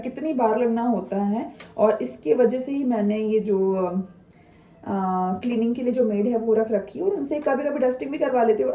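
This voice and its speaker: A woman's voice: high voice, dark tone. A woman with an Indian accent chatting casually in a home vlog as a mother. She mixes English words into her talk and uses many fillers. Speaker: mother vlogger. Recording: echoey room, mic somewhat far.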